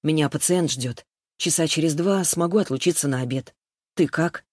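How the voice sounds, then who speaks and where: A woman reading an audiobook, voicing a calm, apologetic man who speaks in a measured way. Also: sits low, slightly rough, no echo, studio quality. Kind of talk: audiobook character voice.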